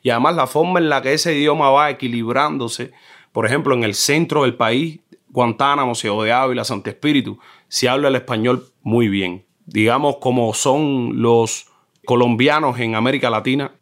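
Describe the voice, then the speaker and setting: A middle-aged Cuban man speaks at a mid-range pitch, with the easy flow of a guest in relaxed conversation. He drifts into animated stories and imitates regional ways of talking. The tone stays conversational and unhurried. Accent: Cuban Spanish. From Cuba. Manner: animated storyteller, mimics regional speech. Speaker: guest, film director. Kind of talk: casual conversation.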